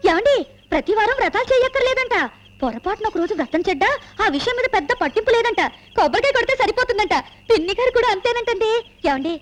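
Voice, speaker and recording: An actress playing a devout young housewife who pleads plaintively and sulks in a film scene. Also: female voice, very high voice. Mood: remorseful. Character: devout young housewife, pious, sulky, quick to tears. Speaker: wife. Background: film score.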